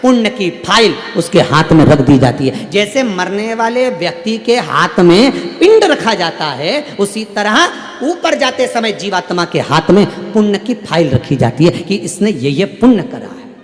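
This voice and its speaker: In an echoey hall with faint music behind him, a man with a high voice preaches unhurriedly and with few pauses. He animatedly tells a story, voicing its characters in brief snippets of dialogue.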